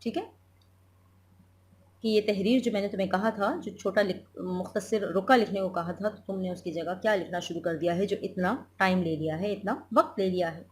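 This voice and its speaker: A woman's voice: mid-range voice, fairly even intonation, a little fast. A woman school teacher giving a recorded lesson, explaining a literature text by repeating and glossing words.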